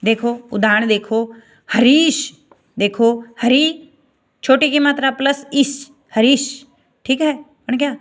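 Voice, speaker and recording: A woman teaching a Hindi grammar class, spelling out vowel sounds one by one and checking with students as she goes. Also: high-pitched. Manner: slow, repeats "ठीक है" and asks checking questions.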